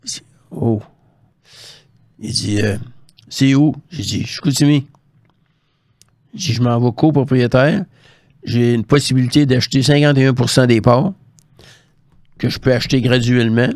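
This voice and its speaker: Speaking a little fast in a mid-range, slightly mellow voice, a former hockey scout with a Quebec French accent tells stories from his career as an interview guest. The older man is casual and colloquial, acting out past exchanges with quoted lines. The studio sound is clean, with no echo.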